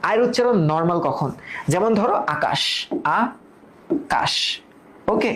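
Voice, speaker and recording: A woman tutor giving a playful pronunciation lesson, teasing her students with questions and drawn-out example words. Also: medium pitch, lively intonation, a little hiss or hum.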